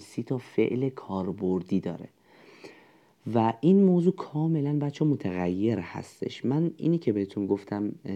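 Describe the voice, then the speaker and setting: Male language teacher, low mellow voice, patient step-by-step explainer. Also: highs cut off. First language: Persian. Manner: patient, explains step by step, lists words slowly. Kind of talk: spoken language lesson.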